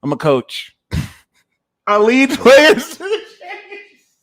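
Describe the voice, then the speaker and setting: A man's voice: very high voice, wildly swooping pitch, slow, fairly bright tone. A man from New Jersey giving a casual, rambling astrology talk, prone to tangents and repeating his phrases. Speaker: astrologer and reader.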